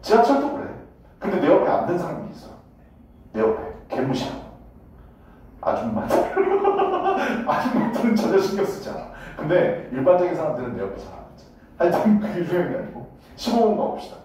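A man teaching a high school English class in a blunt, joking way, swearing casually and often checking whether the students follow. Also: big pitch swings, quick pace, dark tone, a little hiss or hum. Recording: echoey classroom from a distance.

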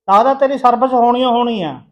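A man's voice: very high-pitched, a little fast, muffled recording. A man playing a put-upon husband who grumbles and threatens back in arguments. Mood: grumbling.

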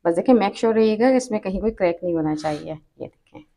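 A woman with a Pakistani Urdu accent talks viewers through a recipe at an easy, steady pace. She explains each step patiently and repeats her cautions so nobody misses them. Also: medium pitch, fast talker. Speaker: cooking channel host. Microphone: off-camera voice over hands-only cooking shots.

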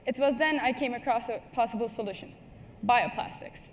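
A woman's voice: fairly high pitch, fairly quick, a little hiss or hum. A teenage girl from Turkey giving a prepared talk on a large stage, earnest, with small restarts and apologies. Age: teens. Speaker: student speaker. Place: large stage before a seated audience. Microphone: headset mic.

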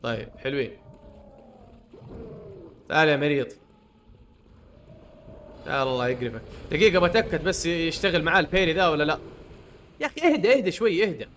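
A young man giving let's play commentary, pleading, cursing and reacting loudly to the game. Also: a little high, fast talker, pauses often, slight background noise. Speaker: gamer.

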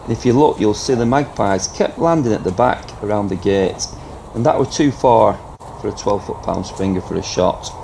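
Indoors in a farm building loft, a middle-aged man talks casually to the camera about using airguns for pest control. His voice is creaky with lively intonation and a moderate pace, and his low-key chatter includes fillers like "you know" against noisy farm ambience from outside.

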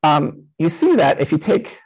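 Speaker, man in his 30s, husky voice that moves around a lot in pitch; relaxed live-coded talk through a headset. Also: normal speed, low-quality recording. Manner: casual, many "um" fillers. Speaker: conference speaker.

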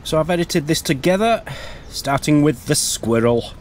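A middle-aged man narrating a wildlife camera vlog outdoors in a wood, in a chatty, easily excited way. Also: fairly high pitch, moderate pace, slight background noise. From United Kingdom. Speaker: wildlife vlogger. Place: woodland outdoors.

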